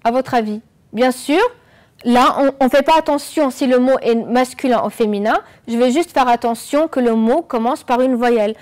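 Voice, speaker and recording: A woman teaching French on an educational channel, explaining slowly and clearly and asking the viewers questions. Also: a little high, a little mellow. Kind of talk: televised classroom lesson.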